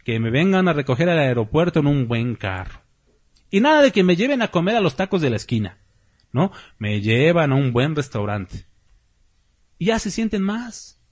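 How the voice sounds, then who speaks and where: A man's voice: a little high, big pitch swings, normal speed, slightly rough. A man preaching a sermon as pastor, talking conversationally and asking the congregation rhetorical questions.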